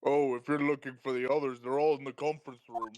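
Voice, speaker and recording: Man putting on a burly, gruff police chief. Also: little pitch movement, fast, a little mellow, dry recording, natural voice. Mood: gruff, harried. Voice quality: deep voice. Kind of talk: video game dub read aloud.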